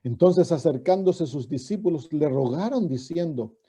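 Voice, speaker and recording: A man's voice: fairly high pitch, lively intonation, moderate pace, dark tone, breathy edge. A man, preaching a sermon as a pastor, reading scripture and asking his listeners questions. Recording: dull lo-fi recording.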